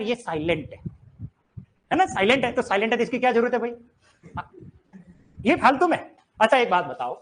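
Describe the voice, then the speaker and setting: A man's voice: extremely high pitch, a bit bright, a little hiss or hum. A man teaching a grammar lesson to exam students, firing rhetorical questions and drilling them on reading aloud. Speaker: Hindi teacher. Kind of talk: classroom lesson.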